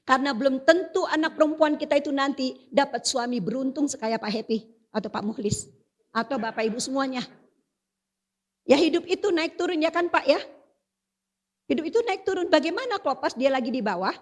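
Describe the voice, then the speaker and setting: An older woman speaking as a parenting expert at a seminar, chatty and lively, often addressing the audience directly. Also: sits high, brisk. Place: seminar hall.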